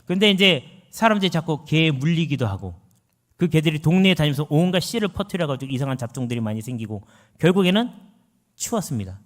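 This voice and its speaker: A man preaching a sermon as pastor, telling a story in a lively way, with sudden rises and drops in his pitch and volume. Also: quick pace.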